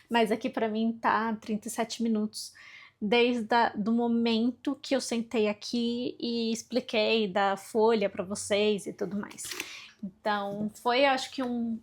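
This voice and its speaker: A woman's voice: on the high side, fairly even intonation, a little slow. A woman vlogging informally about her language studies, chatty and self-deprecating as she thinks aloud while working through her exercises. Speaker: book vlogger. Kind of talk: informal study vlog.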